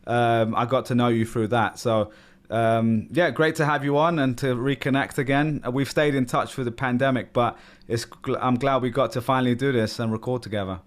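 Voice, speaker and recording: A man's voice: mid-range voice, moderate pace. A man with an American accent hosting a podcast interview, chatty and friendly, with frequent um and you know. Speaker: podcast host.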